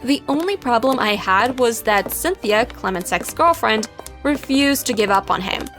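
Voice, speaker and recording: Young woman narrating an animated story. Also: a little high, normal speed, soft background music.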